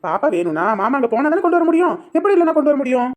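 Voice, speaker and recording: A woman's voice: high-pitched, very animated, very fast, background noise. A woman voicing a firm, determined young village man in a family drama. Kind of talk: Tamil family drama acting.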